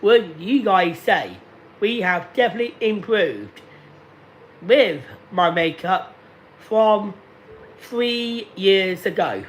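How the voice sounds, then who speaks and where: A man in his late thirties talking slowly and deliberately to viewers on a casual live stream, repeating himself often. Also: sits high, sing-song, a little hiss or hum. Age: 30s. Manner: slow, deliberate and repetitive. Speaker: livestreamer.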